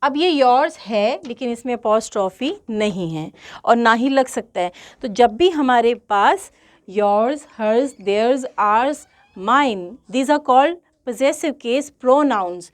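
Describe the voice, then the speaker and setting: Slow-speaking woman teaching grammar. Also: on the high side. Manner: slow, deliberate, repeats key points and asks rhetorical questions. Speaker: English grammar tutor. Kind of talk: grammar lesson mixing Hindi and English.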